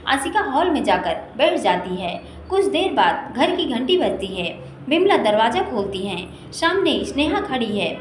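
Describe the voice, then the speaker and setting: A woman reading a family story aloud as a storyteller, steady and expressive. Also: fairly high pitch, a little slow. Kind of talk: storybook narration. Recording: echoey room with faint noise.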